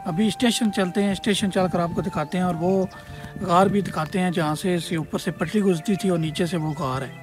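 A man's voice: high-pitched, fairly quick, over music. A man, guiding viewers outdoors in a casual vlog and explaining at length with many hesitant fillers. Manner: louder and more energetic while walking through the brush. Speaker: travel vlogger. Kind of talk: casual tour-guide vlog. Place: outdoors in open scrubland by an old stone bridge.

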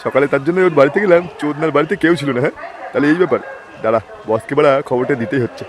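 A man's voice: on the high side, very fast, a crowd in the background, close to an everyday voice. A man voicing a loyal, gossipy henchman in a cartoon. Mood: eager. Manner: excited, swearing.

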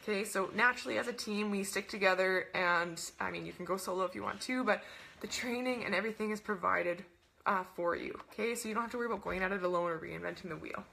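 A young woman hosting a casual coaching webinar, bubbly and rambling, gushing with enthusiasm and acting out little dialogues in a higher voice. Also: quick pace, gravelly, pushed and bright, slight background noise. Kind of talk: casual webinar talk to camera.

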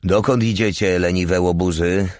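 A man's voice: low-pitched, measured pace, dry recording, studio quality. A man reading an audiobook voices a bossy, arrogant male army sergeant who barks orders. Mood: shouting. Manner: barking, shouting orders.

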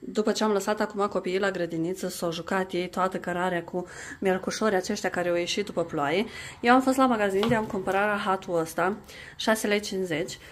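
A woman's voice: mid-range voice, a little hiss or hum. A woman in her thirties from Romania, talking casually through her home vlog as a mother. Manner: chatty, lively, coaxing with children. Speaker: vlogger, mother.

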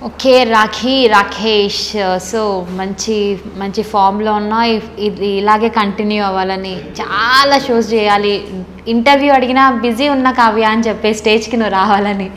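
A woman's voice: medium pitch, fairly even intonation, a little slow, fairly bright tone, slight background noise. A woman hosting a casual interview who asks playful, teasing questions. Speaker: interview host.

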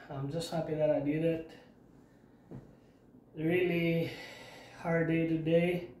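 Here a man in his thirties, slightly high-voiced, chats casually over footage of his home workout, indoors in a small room at home. Short on sleep and weary, he keeps it plain and easygoing, often using fillers and starting over. There's slight background noise.

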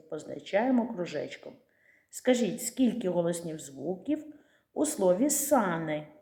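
A woman teaching a literacy lesson to young children, speaking patiently and articulating each sound clearly. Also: lowish voice, dark tone, roomy sound. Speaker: preschool teacher. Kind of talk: slow, deliberate literacy lesson for small children.

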